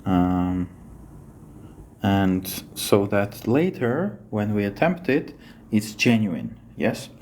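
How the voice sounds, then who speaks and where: Walking through a test on a shared screen, a man with an Armenian accent, Armenian being his native language, teaches English. He speaks unhurriedly and hesitantly, repeatedly checking in with "yes?", his voice on the low side, expressive and darkish, with slight background noise.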